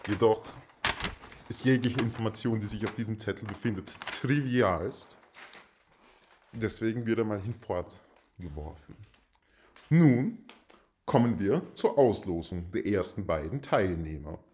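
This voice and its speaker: A man makes a mock-formal giveaway announcement as host, speaking in a pompous, stilted and deadpan manner. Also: lowish voice, a little slow, a little hiss or hum. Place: indoors in a home.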